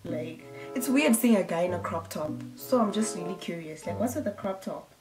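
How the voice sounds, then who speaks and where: A woman's voice: lowish voice, lively intonation, normal speed, recorded from a distance. A young woman with a Zimbabwean accent chatting casually as a YouTuber reacting to clips, exclaiming and giggling as she talks. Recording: voice set back from mic with music behind.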